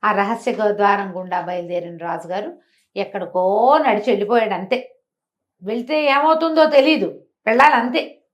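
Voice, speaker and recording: A talk-show storyteller, she speaks at medium pitch and a normal pace. Her narration is animated and conversational, and she asks rhetorical questions while spinning the story.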